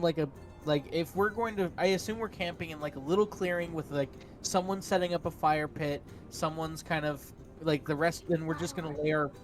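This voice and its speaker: A player chatting casually during a tabletop role-playing game, describing moves and plans. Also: medium pitch.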